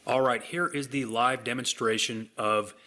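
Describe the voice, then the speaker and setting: A man hosting a software demonstration, walking through it in an upbeat sales manner. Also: mid-range voice, fairly even intonation, normal speed. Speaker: software demo host. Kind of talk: product demonstration.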